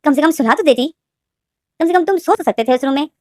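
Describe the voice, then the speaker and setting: Woman putting on a shrill scolding mother. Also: lively intonation, fast, a little mellow, no echo, clean studio sound. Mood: furious. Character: mother, furious then fawning, loud. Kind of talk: storytelling.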